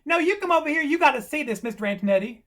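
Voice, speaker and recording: An eager young schoolboy, insistent and wide-eyed, his voice pitched high above the storyteller's own and carrying a husky edge, as a man puts him on mid-story. The boy pushes hard to be heard. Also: very fast. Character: excited curious young schoolboy.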